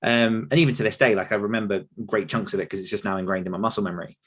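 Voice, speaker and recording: Talking rapid-fire in a steady tone, the British podcast guest, an author in his thirties, has a fairly low pitch. His storytelling is casual and reflective, and it wanders.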